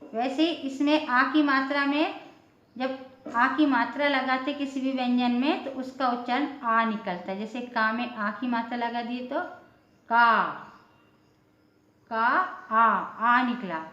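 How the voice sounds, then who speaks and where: A woman's voice: fairly high pitch, steady tone, a little slow, a bit bright. A woman teaching a Hindi lesson at a board, spelling out sounds one by one. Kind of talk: blackboard lesson for beginners. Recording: echoey room, dull lo-fi sound.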